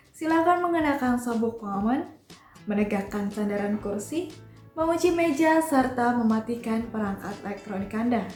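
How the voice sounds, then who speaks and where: A woman's voice: fairly high pitch, darkish tone, natural voice. A woman playing a flight attendant, reading formal, scripted cabin announcements. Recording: roomy echo, music behind.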